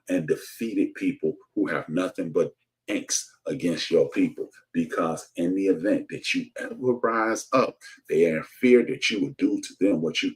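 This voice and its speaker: Deep-voiced man, passionate solo commentary, repetitive rhetorical build, stumbling restarts. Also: rough recording. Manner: preachy, repetitive rhetorical emphasis with frequent restarts. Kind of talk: impassioned commentary monologue.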